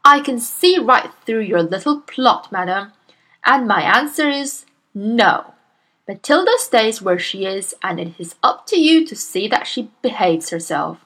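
Give me a woman putting on a huge shouting headmistress, scornful and bossy, with a lively sweeping voice. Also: medium pitch, measured pace, poor audio. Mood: bellowing scorn. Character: loud bullying giant female headmistress.

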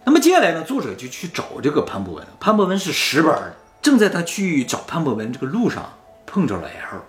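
A man's voice: fairly high pitch, fast, reverberant, soft background music. A man hosting a casual chat, telling a spooky story and acting out the quoted lines. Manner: animated, acts out quoted lines. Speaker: storyteller host.

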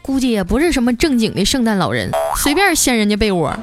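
A woman's voice: a little high, very animated, fast. A woman voicing a vain, fussy middle-aged mother who teases and complains, in a comic story podcast with music behind. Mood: complaining.

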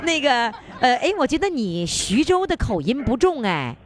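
A woman's voice: high-pitched, very animated, moderate pace, very noisy. A woman with a Northeastern Chinese accent hosting a radio call-in show in a chatty, exclamatory, bantering way. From Northeast China.

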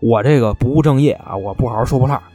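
A man's voice: medium pitch, racing, warm tone, slightly rough, soft background music, lightly acted. A man doing a cringing scrap collector. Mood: pleading. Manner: pleading, stammering.

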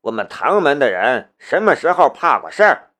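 A man's voice: medium pitch, very animated, normal speed, fairly bright tone. A man voicing a swaggering young martial-arts clan member who provokes his rivals. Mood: provoking.

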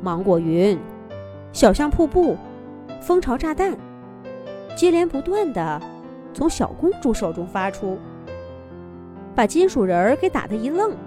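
A woman telling a children's fairy tale in an expressive, dramatic storytelling manner. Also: a little high, unhurried, long pauses, soft background music. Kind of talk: scripted fairy-tale narration.

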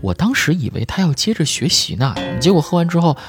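A male comedy host tells stories in a playful, scripted style. His pitch swings about with a lively, animated bounce. Clear background music runs under his voice. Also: quick pace. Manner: playful, animated joke-telling. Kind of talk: scripted comic storytelling. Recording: music bed behind voice.

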